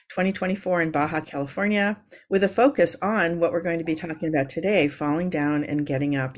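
A woman speaking as a host, introducing an interview in a measured, articulate delivery. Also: low-pitched. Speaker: podcast host.

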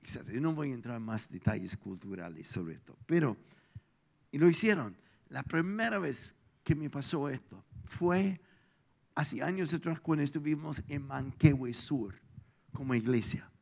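Pastor, man, tired and hoarse, gravelly voice, animated sermon with shouts and hushed asides. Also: medium pitch, normal speed. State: tired, strained throat. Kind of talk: lively storytelling sermon.

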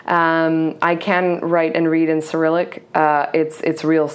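Speaking in a low, monotone voice at a measured pace, a Serbo-Croatian-speaking novelist responds to an interviewer in English. She is hesitant, often restarting and using fillers as she thoughtfully searches for the right words.

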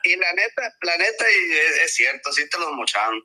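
A man's voice: a little high, very animated, normal speed, pushed and bright, rough recording. A man with a Mexican accent chatting casually and jokingly in slangy, sweary Spanish with bits of English. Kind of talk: casual bilingual chat, Spanish with some English.

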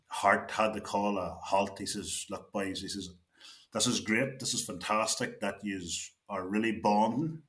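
A man's voice: on the low side, fairly bright tone. Man telling stories, echoey. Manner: laughing anecdotal storyteller, repeats himself. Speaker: former player. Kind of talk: storytelling chat. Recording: roomy echo.

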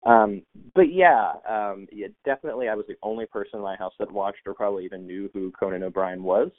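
A man's voice: on the low side, a little fast. Man on a tinny remote line. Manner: hesitant, many fillers and restarts. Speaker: podcast guest. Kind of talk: casual interview chat.

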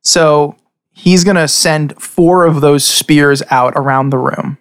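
A man with a fairly high voice runs a tabletop game. He narrates casually as game master, piecing descriptions together haltingly as he goes. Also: steady tone.

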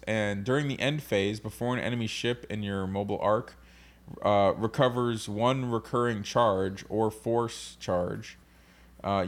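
A man co-hosting a podcast, steadily explaining tabletop game card rules in casual chat. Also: lowish voice. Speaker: podcast co-host.

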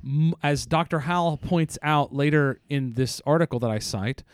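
Man, somewhat high voice, smooth and clear, dry close sound, explains technical ideas, restarts often. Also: normal speed, dry recording. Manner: thinks aloud, restarts, explains terms. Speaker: podcast co-host, voice science. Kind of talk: casual technical discussion.

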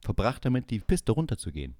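Talking quickly in a low-leaning voice, a young man on a podcast recounts a lengthy personal tale in relaxed chat, performing each character's lines with animation. The recording is dry and studio quality.

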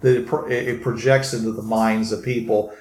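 A male game master narrates and explains a tabletop game. His phrasing is halting, with words repeated as he thinks. He is in an echoey room with clear noise. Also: on the low side, steady tone, a little mellow. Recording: roomy echo, clear background noise.

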